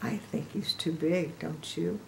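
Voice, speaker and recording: An older woman reads a storybook expressively to young children in a low, gravelly, warm voice with a steady tone and measured pace, explaining the pictures and speaking to the listener. Slight background noise mars the rough recording.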